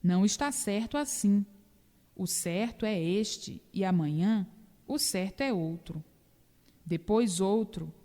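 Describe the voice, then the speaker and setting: A woman reading a doctrinal book aloud in a measured, repetitive preaching cadence. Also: mid-range voice, mellow. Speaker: reader. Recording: long reverb.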